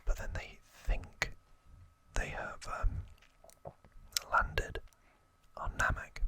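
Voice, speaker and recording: A male ASMR host whispers a recap in a breathy, unvoiced way, explaining things casually and with some hesitation. His tone has a sharp edge.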